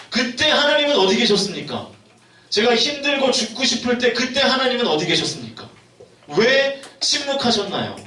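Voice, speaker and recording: A man's voice: very high voice, sharp tone, a little hiss or hum. A young man preaching a sermon as a youth pastor, putting questions to the congregation. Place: church sanctuary. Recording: echoey hall, mic heard from a distance.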